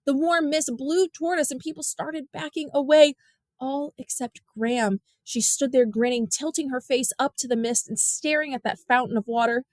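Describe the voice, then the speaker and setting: Woman narrating an audiobook, high and dry. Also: no room sound. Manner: measured, expressive storytelling. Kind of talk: scripted narration.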